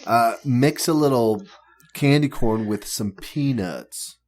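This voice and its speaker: A man's voice: mid-range voice, takes it slowly, a little mellow. A man co-hosting a podcast, answering trivia in an easygoing, joking way. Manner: easygoing, joking, laid-back. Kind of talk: casual chat.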